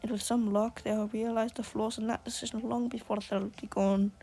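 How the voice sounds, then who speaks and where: A defiant doctor, read by a woman who brushes off threats with quick retorts. Her slightly high voice carries a gravelly edge. She is a sharp-tongued scientist in a sci-fi game story. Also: little pitch movement. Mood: dismissive. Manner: dismissive, retorting.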